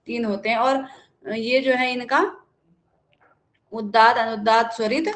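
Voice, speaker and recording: Higher-pitched woman teaching in an echoey room. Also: fairly even intonation, a little slow. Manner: explanatory, with frequent fillers and rhetorical questions. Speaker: Sanskrit teacher. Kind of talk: live online exam-prep lesson.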